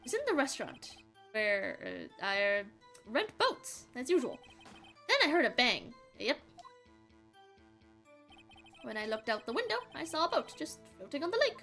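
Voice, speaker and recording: A woman's voice: a little high, sing-song, moderate pace, long pauses, a bit bright, soft background music. A woman voicing an elderly male boat-rental witness with a put-on Southern accent and a folksy drawl.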